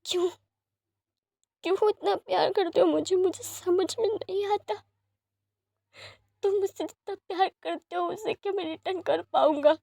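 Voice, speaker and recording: A woman voicing a gentle, sick young man who speaks softly and apologetically, in a fan-fiction story reading. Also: sits high, fairly even intonation, moderate pace, pauses often, dry recording, studio quality. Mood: tearful. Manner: soft, hushed and apologetic.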